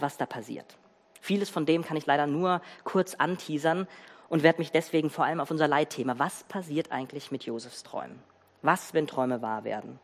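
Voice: medium pitch, in a large hall. Ein Prediger erzählt lebhaft und mit Nachdruck und spricht die Zuhörer direkt an. Die Stimme liegt in mittlerer Lage, und hinter ihr hallt ein großer Kirchenraum lange nach. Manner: lively, emphatic storytelling, addresses listeners directly. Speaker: preacher. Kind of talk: sermon.

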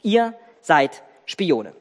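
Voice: mid-range voice, very animated, drawn-out words, in a large hall. Ein Prediger liest Josef, den strengen, misstrauischen Machthaber. Harte, langgezogene Vorwürfe, in einem Raum mit langem Nachhall. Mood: stern. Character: stern male ruler Joseph, harsh and suspicious. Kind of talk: scripture read in a sermon.

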